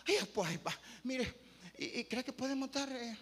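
A man preaching a sermon in a church hall, swinging from loud exclamations to low murmurs. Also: animated, moderate pace. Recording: long hall reverb.

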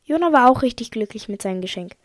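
A woman's voice: on the high side, lively intonation, fast talker, background noise. A woman reading aloud from her own book, stumbling now and then and correcting herself mid-sentence. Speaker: podcast host reading her own story. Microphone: voice message recording.

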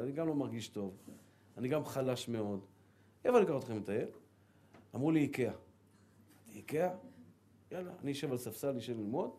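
A middle-aged rabbi from Israel giving a sermon, telling stories with lively acted-out dialogue and repeated words. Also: male voice, medium pitch, slightly rough. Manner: animated storytelling, acts out dialogue and repeats words.

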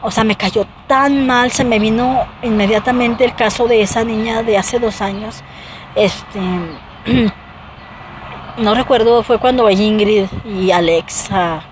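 A woman with a Mexican accent talks straight to her viewers in a slightly high voice. She is emphatic and rambles, restarting sentences and piling up fillers. Faint street noise hums behind her. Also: steady tone, slow pace. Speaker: vlogger. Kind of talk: casual chat to viewers.

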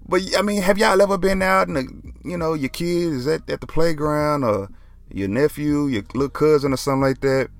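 A man's voice: on the high side, normal speed, gravelly, no room sound. A young man, talking casually as a podcast host, laid-back and joking, often dropping "man". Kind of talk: casual solo podcast talk.

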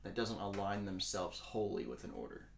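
A man co-hosting a podcast in casual chat, calmly explaining his view. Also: low voice, moderate pace, creaky, roomy sound, slight background noise. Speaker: podcast co-host.

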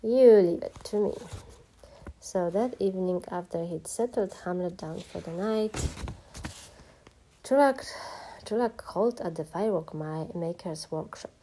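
A woman reading a children's storybook aloud in an expressive narrating manner. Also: lowish voice, measured pace, a little hiss or hum. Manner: expressive, animated voices. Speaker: storybook reader.

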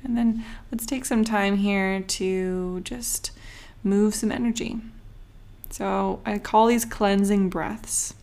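Creaky-voiced woman breathing coach. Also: mid-range voice, steady tone, a little mellow. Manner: soothing, unhurried, with long pauses between short phrases. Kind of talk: guided breathing meditation, breathing coach instruction.

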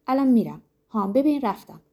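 Storybook grandmother: kind, coaxing, warm and mellow, as a woman reads her. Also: a little high, lively intonation, pitched above the performer's own voice. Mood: soothing. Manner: gentle, coaxing.

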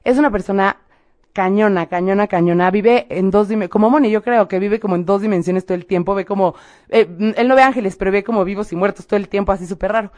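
A young woman with a Mexican accent, hosting a podcast and casually telling a personal story to her listeners in a slangy, animated way. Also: mid-range voice, fast. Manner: animated, slangy, acts out quoted dialogue. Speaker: podcast host giving spiritual messages.

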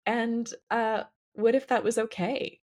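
A woman co-hosting a podcast and working as a coach, talking in a reflective, halting way with many fillers. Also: a little high, fairly even intonation, a little mellow. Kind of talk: casual podcast conversation.

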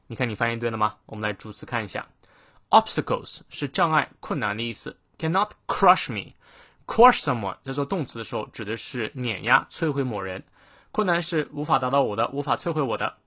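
Man teaching English phrases, measured pace. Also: medium pitch, expressive, a bit bright. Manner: explains word by word, slows down to model pronunciation. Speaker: English teacher, host of a daily morning reading show. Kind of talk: scripted daily English lesson.

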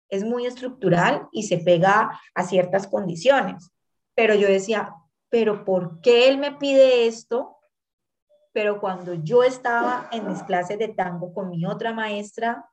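A woman in her thirties with a Colombian accent, a guest in an interview telling her life story in an earnest, animated way and acting out what people said. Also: mid-range voice. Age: 30s. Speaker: guest, tango dancer.

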